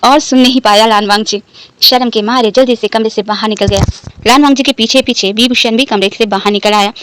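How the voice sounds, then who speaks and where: A woman's voice: on the high side, fairly even intonation, a little fast, fairly bright tone, a little hiss or hum, poor audio. A woman narrating a romance fan fiction story, lightly voicing the characters' lines in her own voice.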